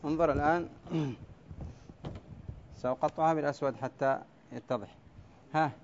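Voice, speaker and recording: A male teacher in a classroom, going over poetic meter at the board, drawing words out slowly syllable by syllable and calling on students by name. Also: a little high, muffled recording, a little hiss or hum. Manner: quizzes students by name, brief praise. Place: classroom with a blackboard.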